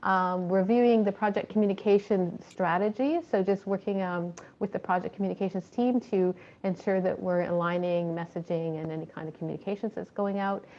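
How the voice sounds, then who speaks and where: A woman's voice: mid-range voice, brisk, hardly any pauses. Woman reporting over a muffled call. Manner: steady, with frequent ums and uhs. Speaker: fundraising coordinator. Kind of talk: presenting a report at a committee meeting.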